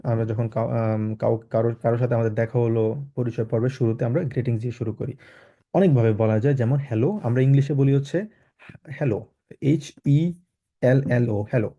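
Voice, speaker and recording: A man's voice: mid-range voice, fairly even intonation, fast, warm tone. A man from Bangladesh teaching a German class online, explaining patiently with many fillers and mixing in English and German words. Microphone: video call. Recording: dull lo-fi online call audio.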